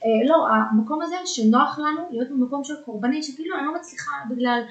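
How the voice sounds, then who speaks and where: A woman with a fairly high voice talks as a guest coach on a podcast. She is earnest and emphatic, and often hangs on hesitation sounds before pressing her point. The room around her is noticeably echoey. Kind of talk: casual podcast conversation. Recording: roomy echo.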